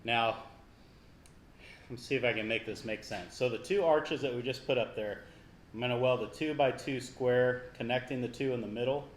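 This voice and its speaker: A man's voice: mid-range voice, normal speed. Man, casual how-to vlog, step-by-step explaining, echoey workshop, faint background noise. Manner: plain explaining, walks through each step. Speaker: rancher and welder showing a shop project.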